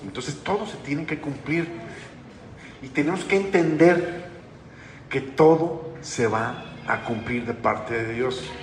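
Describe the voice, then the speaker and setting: A man's voice: mid-range voice, slow. A man preaching a sermon as pastor, in a conversational way that keeps asking the congregation questions. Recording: echoey hall with long reverb, faint noise.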